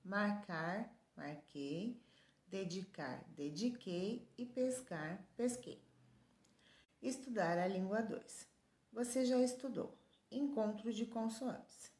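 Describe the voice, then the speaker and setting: A woman teacher reads a workbook lesson to her pupils, spelling letters and calling out words one by one. She speaks slowly, in a mid-pitched voice. The sound is roomy and echoey. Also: darkish tone.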